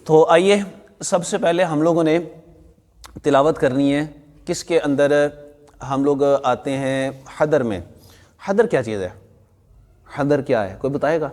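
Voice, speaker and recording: A man's voice: on the high side, pauses often, a little mellow. A man teaching a Quran recitation class to students, firm and emphatic, often putting questions to the class. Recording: long hall reverb.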